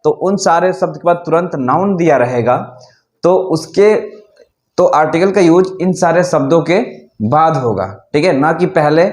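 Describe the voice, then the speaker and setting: A man teaching an English grammar lesson, explaining rules slowly and repeatedly while asking his students questions. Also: a little high, reverberant.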